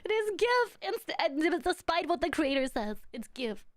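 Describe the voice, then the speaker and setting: A woman's voice: very high voice, very animated, normal speed, no echo, clean studio sound. A woman from Europe hosting a podcast, chatting in a bubbly, giggly and playfully dramatic way. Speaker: podcast host and independent VTuber manager. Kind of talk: casual podcast chat.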